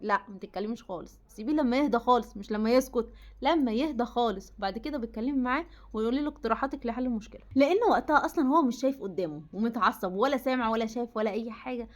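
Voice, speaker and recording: A woman with an Egyptian Arabic accent talks straight to camera in a quick, friendly stream of advice. Her voice sits a little high, and she speaks to the listener directly and warmly, like a friend offering tips. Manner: chatty, addresses the viewer directly as a friend. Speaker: relationship advice vlogger.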